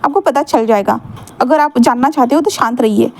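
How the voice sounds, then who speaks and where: A woman's voice: a little high, a little fast, darkish tone, natural voice. A woman voicing a stern male doctor who firmly insists on examining his patient, in a storytelling reading. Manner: firm, matter-of-fact.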